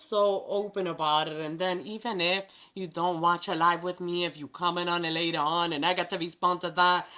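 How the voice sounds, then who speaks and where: A woman from New York, a native Spanish speaker with a Spanish-tinged New York accent, chats casually with viewers while demonstrating nail art on a livestream. Her voice sits lowish, steady, bright and pushed, at a normal speed with barely any pauses. She's chatty, greets viewers by name, and laughs a lot.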